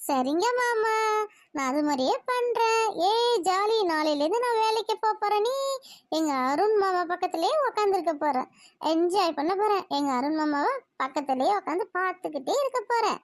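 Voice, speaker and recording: A woman plays a lovesick young cartoon bride-to-be who turns coy and whiny. Her voice is extremely high. The recording is dry. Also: animated, moderate pace, no echo. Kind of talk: cartoon voice acting.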